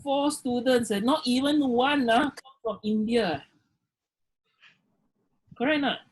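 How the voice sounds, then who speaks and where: Husky-voiced man lecturing online. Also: very high voice, a little slow, rough recording. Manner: frequent "okay" fillers, questions students directly. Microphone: video call.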